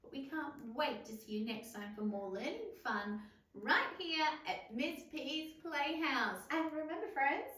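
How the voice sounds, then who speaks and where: A woman's voice: sits high, expressive, unhurried, fairly bright tone. A woman hosting an interactive toddler lesson in an encouraging, exaggerated kindergarten teacher voice. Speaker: children's show host. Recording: echoey room, distant mic, music behind.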